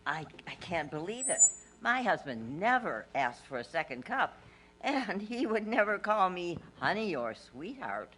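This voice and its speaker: An envious small-town housewife, voiced by a woman, gossips in an expressive way. Her voice sits fairly low but rises and falls a lot, as in a comic radio play. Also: unhurried. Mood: wistful. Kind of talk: comic radio melodrama acting.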